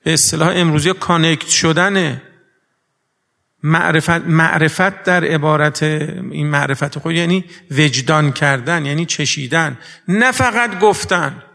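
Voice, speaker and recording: A man's voice: on the high side, creaky, sharp tone. A man preaching a religious sermon with earnest rhetorical questions, moving between formal phrasing and everyday speech. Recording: long reverb of a large hall.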